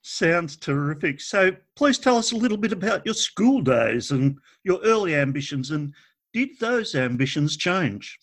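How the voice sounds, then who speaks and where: Courteous male interviewer reading prepared questions, a touch high-voiced. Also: big pitch swings, unhurried, a bit bright. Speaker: podcast host interviewer.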